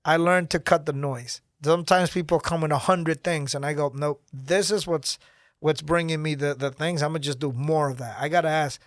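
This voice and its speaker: An energetic middle-aged man talks as a podcast guest, his voice sitting a little high for a man. The studio mic gives a close, dry sound with no room around it. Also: normal speed, no room sound. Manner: energetic, gestures while talking. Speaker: guest, nonprofit founder. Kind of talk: podcast interview. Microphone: studio mic on boom arm.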